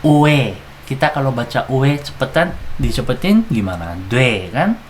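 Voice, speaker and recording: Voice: medium pitch, animated, unhurried, a little hiss or hum, poor audio. A person teaching Korean pronunciation in a casual lesson, spelling out syllables carefully and adding chatty asides. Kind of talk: casual lesson explaining song lyrics.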